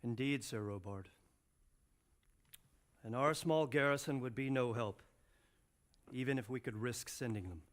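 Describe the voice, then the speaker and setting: An actor playing a castle lord in a video game, giving formal, authoritative orders. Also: male voice, mid-range voice, a little slow, long pauses, lightly acted. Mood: grave. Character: castle lord, commanding and grave.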